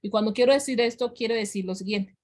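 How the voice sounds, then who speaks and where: Woman teacher going over english grammar, patient, says examples over slowly. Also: fairly high pitch, darkish tone. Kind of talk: online class explanation.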